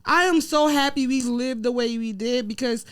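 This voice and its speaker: A woman's voice: on the high side, normal speed, clean tone. A woman co-hosting a casual chat podcast, speaking in an effusive, emotional, gushing way. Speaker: podcast co-host.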